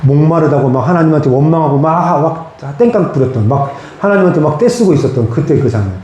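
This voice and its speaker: Man preaching in church, mellow tone, tons of echo, talks straight to the people. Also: fairly high pitch, expressive, fast talker, highs cut off, a little hiss or hum. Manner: earnest, direct, speaks to the congregation in plain informal talk. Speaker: pastor. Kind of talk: sermon. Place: church sanctuary. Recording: very echoey church hall.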